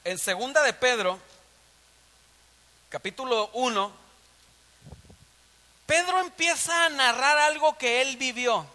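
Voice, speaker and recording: A man with a Mexican Spanish accent preaching a sermon as pastor, animated and full of rhetorical questions. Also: very high-pitched, takes it slowly, long pauses, long reverb tail.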